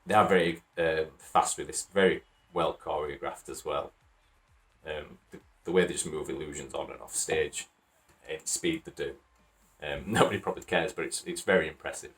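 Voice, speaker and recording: This is a man with a broad Wakefield accent hosting a reaction video. His voice sits low, and he rambles in a relaxed, chatty way. He breaks into easy chuckles as he goes. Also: moderate pace, soft background music. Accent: Wakefield, Yorkshire. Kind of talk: casual reaction commentary.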